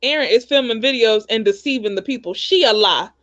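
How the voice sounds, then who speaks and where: A woman hosting a casual chat over a video call, arguing in an animated, defensive way. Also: on the high side, fairly quick, muffled recording. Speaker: host.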